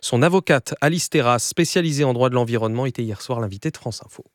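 A man anchoring a morning radio news bulletin, reading in a clear, measured way. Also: mid-range voice, dry recording, clean studio sound. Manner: clear, measured newsreader delivery.

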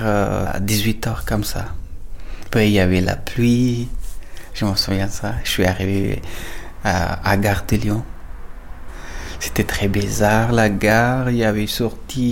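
A man tells his story in French in a fairly low voice. He stops often and restarts as he searches for words, which gives the telling a plain, unpolished feel. There is a faint ambient hum behind him. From Afghanistan. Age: 30s. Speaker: interviewee recounting his migration. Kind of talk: documentary testimony.

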